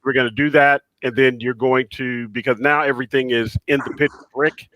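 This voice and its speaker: A man's voice: mid-range voice, fairly even intonation, brisk, fairly bright tone, no room sound, poor audio. A man producing a casual show, giving directions in a wry way. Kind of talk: casual banter on a video call.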